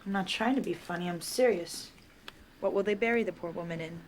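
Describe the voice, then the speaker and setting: An actress playing a sharp-tongued, sardonic blind woman who teases with dry, biting humor. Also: lowish voice, brisk, a little hiss or hum, lightly acted. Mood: wry. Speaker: film character, blind sister.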